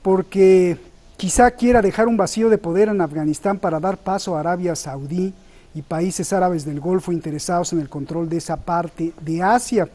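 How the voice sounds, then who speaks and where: A man's voice: sits high, moderate pace, warm tone. A man hosting a talk show, courteously thanking guests and posing long questions. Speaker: host.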